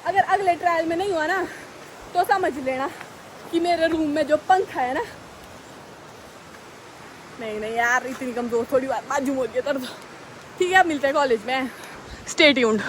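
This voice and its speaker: Young woman vlogger, high voice, casual and self-mocking, phone mic outdoors with light traffic noise. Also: moderate pace, long pauses, poor audio. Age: young adult. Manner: chatty, self-mocking, dramatic. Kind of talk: casual vlog talk. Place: outdoors on a road.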